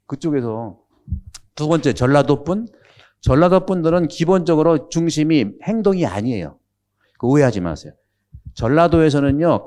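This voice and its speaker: Mellow-voiced male priest giving a chatty lecture. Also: a little high. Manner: chatty and humorous, asks the audience questions; drops into regional speech when quoting. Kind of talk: conversational catechism lecture.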